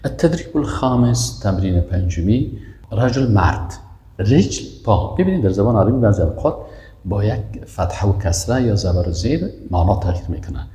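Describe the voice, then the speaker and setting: A man teaching Arabic pronunciation, repeating each word slowly and emphatically and quizzing his listeners. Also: on the low side, mellow, roomy sound. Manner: repeats words slowly and emphatically, asks and answers his own questions. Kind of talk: language lesson, drilling pronunciation.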